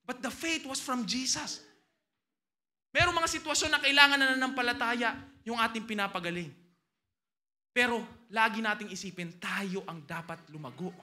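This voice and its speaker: Filipino pastor preaching, really high voice, jumps from shouting to hushed bits. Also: male voice, moderate pace. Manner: animated preaching, swings from loud exclamations to hushed asides. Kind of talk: sermon.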